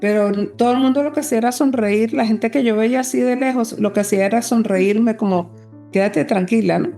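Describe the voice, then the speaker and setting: A woman's voice: on the high side, quick pace, dark tone, soft background music. A woman guest telling a personal story in an interview, in an earnest and emotional way, often acting out remembered dialogue.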